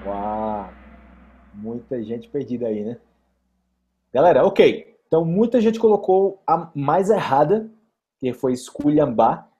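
A young man with a Brazilian accent, teaching Portuguese vocabulary on a live-stream quiz, chatty and lively, reading out viewers' comments. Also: medium pitch, slow, lo-fi sound, slight background noise.

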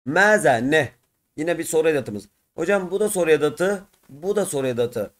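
A hoarse man walks through a textbook lesson, reading short phrases and translating each word as he goes. His voice sits a little high for a man and has a rough edge to it. He speaks to his students as friends. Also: expressive, moderate pace. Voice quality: rough-edged. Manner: reads Arabic phrases then translates them word by word, addressing students as friends. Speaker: teacher.

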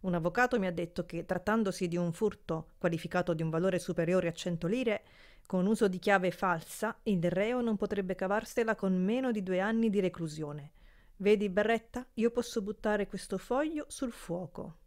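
A woman's voice: mid-range voice, lively intonation, moderate pace, hardly any pauses, a little mellow, lightly acted. A woman voicing a cold, ironic rich landlord who speaks with mocking precision in an audiobook.

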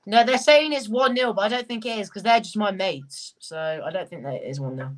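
A woman's voice: medium pitch, a little fast, poor audio. A young woman hosting a live football reaction vlog, keeping up a running commentary and passing on what her chat says. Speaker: vlogger host.

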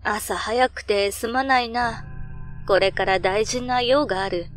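A woman voicing a grave old grandfather in a horror story, solemn and deliberate. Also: fairly high pitch, soft background music, natural voice. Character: grave, solemn grandfather chanting a Shinto incantation. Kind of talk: horror story character reading.

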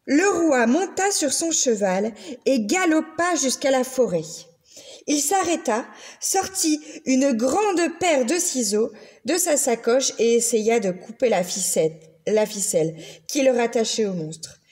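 A woman reading a children's picture book aloud, slow and very expressive. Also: high-pitched, slightly rough. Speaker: children's story reader.

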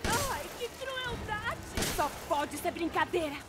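A woman's voice: very high-pitched, expressive, slow pace, full character voice. A Brazilian actress playing a theatrical, indignant female monster villain in a horror video game. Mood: anguished, indignant. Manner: theatrical, dramatic. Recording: game music over the voice.

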